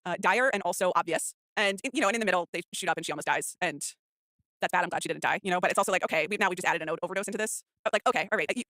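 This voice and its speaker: Fast-talking woman rambling about a film. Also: fairly low pitch, pushed and bright, dry recording, studio quality. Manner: rambling, many false starts and filler words. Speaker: podcast co-host. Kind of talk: casual film discussion.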